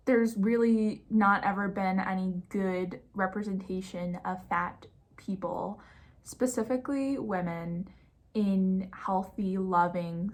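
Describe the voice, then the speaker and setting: A young woman in her twenties chatting candidly and casually at home, giving frank advice and swearing freely. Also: mid-range voice. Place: home room.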